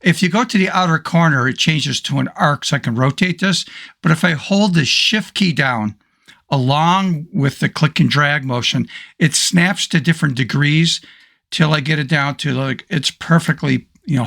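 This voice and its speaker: A man with a hoarse voice, casually talking through a photo editing tutorial step by step. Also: a little high, moderate pace, a bit bright. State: hoarse, losing his voice. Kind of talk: screen-recorded software tutorial.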